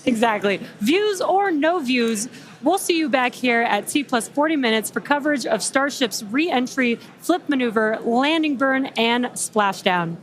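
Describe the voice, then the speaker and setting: A woman co-hosting a live launch webcast, excited and breathless. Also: sits high, a little slow, slight background noise.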